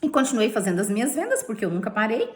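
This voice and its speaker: A woman's voice: on the high side, sing-song, racing, a little mellow. A Brazilian woman telling her sales career story in a playful way, laughing often and tagging lines with "né?". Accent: Brazilian Portuguese. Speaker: beauty sales director. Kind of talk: personal testimony vlog.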